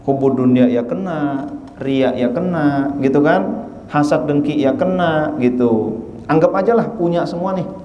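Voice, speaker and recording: A man's voice: a little high, unhurried, lo-fi sound. Man preaching in an echoey hall. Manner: chatty, joking, acts out little dialogues. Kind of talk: mosque study sermon.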